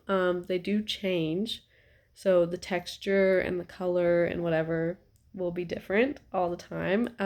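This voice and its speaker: A woman's voice: lowish voice, a little mellow. A young woman talking casually to camera from her couch at home, chatty and rambling with lots of ums and likes, a bit stuffy-nosed. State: stuffy nose. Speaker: vlogger.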